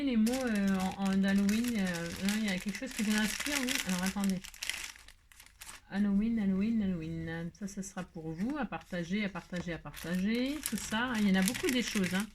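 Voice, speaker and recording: A French woman of medium pitch and normal speed hosts a laid-back craft tutorial. Her talk is chatty and tentative, peppered with "euh" and "hein" and self-directed laughter, while faint noise and clicks run underneath.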